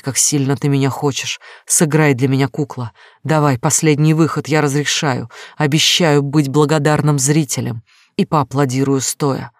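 A man voicing a cruel, jealous former lover who taunts and shouts in rage, in a dry gravelly voice. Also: medium pitch, dry recording, natural voice.

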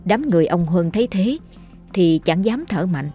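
A woman narrates a horror story in a steady, even way. Her voice sits on the low side, with faint music running underneath. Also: normal speed.

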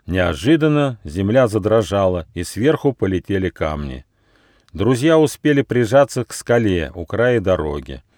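A man reading his own fairy tale aloud as an audiobook, with expressive storytelling. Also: fairly low pitch, normal speed, no room sound, clean studio sound.

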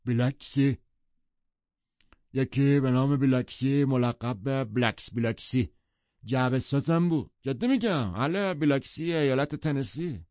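A man's voice: mid-range voice, darkish tone, no room sound, pitched above the performer's own voice, natural voice. A male audiobook narrator voicing a curt, domineering grown man who sneers at the others, in a dry, muffled recording. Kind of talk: audiobook character voice.

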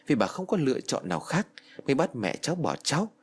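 A man's voice: medium pitch, very animated, fast talker, breathy edge. A man voicing a remorseful grandmother pleading with her ghost grandchild in a spoken ghost story. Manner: apologetic, pleading. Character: remorseful grandmother, begging forgiveness.

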